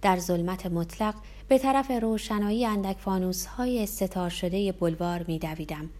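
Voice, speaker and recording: A woman's voice: medium pitch, warm tone. Woman narrating a tense first-person story. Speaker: audiobook narrator.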